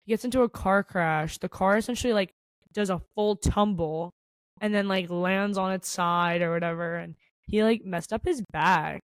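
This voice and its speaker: A woman co-hosts a casual chat podcast, gushing and exclaiming often and peppering her talk with "like." Her voice is medium in pitch at a normal speed, with no echo.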